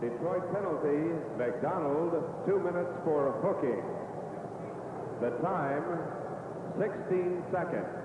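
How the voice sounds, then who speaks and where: A man reading out an official penalty announcement in a slow, measured way over the arena loudspeaker. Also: on the high side. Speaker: arena public-address announcer. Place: large indoor hockey arena. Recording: echoey arena loudspeaker, distant, noisy.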